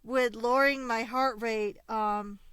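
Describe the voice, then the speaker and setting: A woman from Rico, speaking as a voice actor guest, soft-spoken and matter-of-fact. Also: a little high, steady tone, takes it slowly, clear, resonant tone. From Puerto Rico. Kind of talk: casual interview chat.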